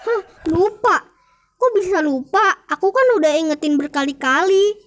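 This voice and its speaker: A man's voice: very high voice, normal speed, a bit bright. Worried nagging wife, as a young man puts her on. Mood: upset. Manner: pleading and nagging.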